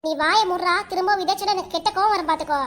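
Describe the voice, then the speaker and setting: A woman's voice: very high voice, very fast, fairly bright tone. A woman voicing a cheeky young girl in a cartoon, mocking her cousin with sassy name-calling. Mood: teasing. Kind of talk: cartoon voice acting.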